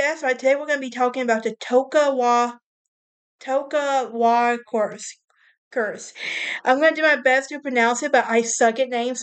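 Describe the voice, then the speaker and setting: A woman's voice: fairly high pitch, clean tone. Chatty woman hosting a history podcast. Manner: chatty, stumbles over names, laughs at herself. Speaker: podcast host. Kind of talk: casual history podcast narration.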